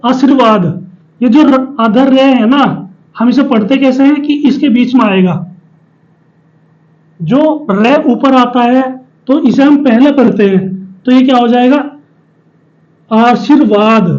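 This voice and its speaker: A man's voice: very high voice, darkish tone, lo-fi sound. A man teaching a spelling lesson, explaining step by step and often asking questions and answering them himself. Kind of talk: spoken Hindi spelling lesson at a board.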